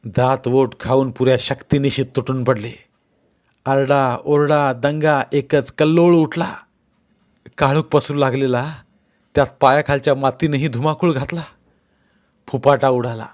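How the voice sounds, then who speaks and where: A man reads a story aloud as an audiobook narrator. His delivery is expressive but measured, with a steady middle pitch. He gives each phrase weight. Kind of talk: dramatic story reading.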